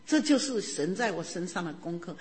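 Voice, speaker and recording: A woman gives a church testimony in an earnest, fervent way. She ends many phrases with soft tag particles. Her voice rings with the long echo of a big hall. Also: on the low side, lively intonation, brisk. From Taiwan. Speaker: church speaker giving testimony. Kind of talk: testimony sermon. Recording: long reverb of a large hall.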